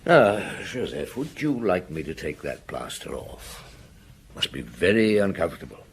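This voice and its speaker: An actor playing a patient middle-aged chief inspector in a radio drama, questioning deliberately and kindly. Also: male voice, low-pitched, big pitch swings, vocal fry, husky, exaggerated voice. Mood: gently probing. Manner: questioning, deliberate, gently coaxing. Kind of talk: naturalistic radio drama acting.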